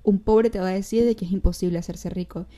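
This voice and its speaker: Woman, Venezuelan Spanish accent, young adult, casual motivational talk, mellow tone, animated, direct. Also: medium pitch, quick pace. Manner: animated, speaks directly to the viewer. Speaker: vlogger giving life advice.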